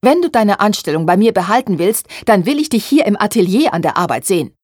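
A strict shop owner in a storybook, voiced by a woman reader. She speaks firmly and a little louder, laying down the law. The recording is dry and close. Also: mid-range voice, big pitch swings, quick pace, no echo. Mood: scolding. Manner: firm, loud and scolding. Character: stern, quick-tempered woman, head of a sewing shop. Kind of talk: audiobook reading.

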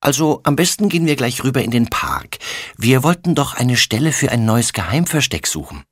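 For a children's audiobook, a man with a mid-range voice plays a chatty, eager little girl, breathlessly rattling off her plans. He pitches above his natural voice and is very animated and fairly quick. The studio sound is clean, with no room echo.

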